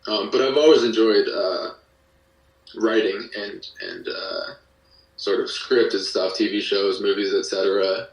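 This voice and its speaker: A lowish-voiced man, a musician and audio drama creator, is a podcast guest in a casual interview, speaking with fairly even intonation in a halting, hesitant way with frequent hedging. He sounds set back from the mic in a very echoey room.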